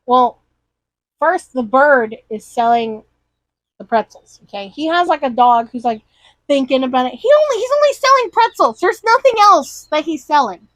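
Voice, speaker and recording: A woman's voice: high-pitched, very animated, normal speed, a bit bright, no room sound, low-quality recording. A woman in casual chat, animatedly retelling a cartoon and acting out the characters' lines. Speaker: podcast co-host.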